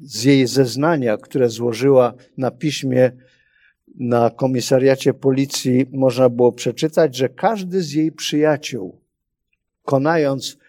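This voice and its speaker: A male preacher giving a sermon, reading scripture in a slow, measured way with pauses. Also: mid-range voice, fairly even intonation, warm tone.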